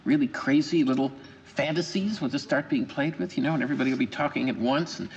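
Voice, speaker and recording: An actor playing a wry, anxious middle-aged stage actor, telling rambling, self-mocking stories in film dialogue. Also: male voice, medium pitch, fast, muffled recording, slight background noise, close to an everyday voice.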